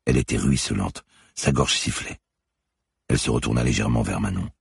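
A man reading a thriller audiobook aloud in a measured, dramatic way. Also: a bass voice, vocal fry, breathy edge, no echo, studio quality. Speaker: audiobook narrator. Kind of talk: scripted narration.

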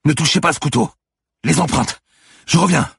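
A man voicing a fierce, driven female police lieutenant who shouts urgently, in an audiobook thriller. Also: very deep voice, fast talker, slightly rough, dry recording, clean studio sound, full character voice. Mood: urgent shouting.

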